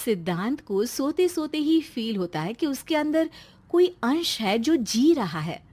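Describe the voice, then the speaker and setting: A woman's voice: fairly high pitch, sing-song, unhurried, a little mellow. A woman narrating a storybook tale in a plain storytelling manner.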